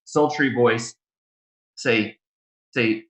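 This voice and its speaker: Male game master, improvised narration with halting pauses, crisp bright tone, echoey room. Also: mid-range voice. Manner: halting, pausing mid-phrase.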